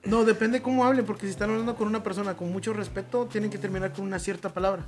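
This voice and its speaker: A man with a Mexican accent, co-hosting a chat show and telling a story in a relaxed, joking, slangy way. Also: high-pitched, very fast, over a noisy crowd.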